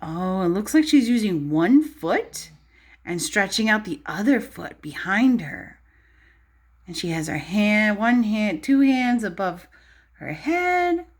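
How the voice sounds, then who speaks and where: A female preschool or early primary teacher reads a story aloud interactively, pitching it clearly at little kids. Her intonation is very lively and her pace unhurried. She's expressive and child-directed, frequently asking questions and explaining things.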